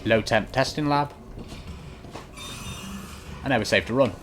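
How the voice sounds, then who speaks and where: A man with a mid-range voice, a little slow, offers casual gameplay instruction in a matter-of-fact, reassuring way as he walks through a video game. The home recording is clearly noisy.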